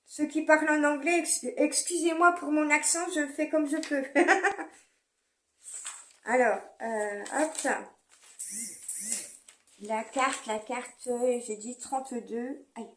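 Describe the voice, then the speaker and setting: A woman's voice: high-pitched, steady tone, takes it slowly, long pauses, slight background noise. A woman giving a chatty, rambling card reading, with frequent fillers and small laughs. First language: French. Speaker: card reader. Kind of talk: casual spoken card reading.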